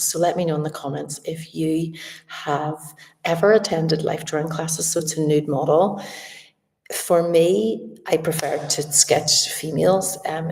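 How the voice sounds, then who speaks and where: A woman talks in a deep, gravelly voice with slightly slushy s sounds. She chats casually and reflectively, halting as thoughts trail off, in a very echoey room. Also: a little mellow. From Northern Ireland. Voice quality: slight slushy lisp from a retainer. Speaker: artist and art teacher hosting a live Q&A. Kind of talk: casual livestream chat. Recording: echoey room, distant from the mic.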